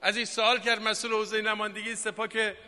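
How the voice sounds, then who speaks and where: A man preaching an impassioned political Friday sermon, rising to shouted declamation from the pulpit. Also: high-pitched, little pitch movement. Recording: long reverb of a large hall.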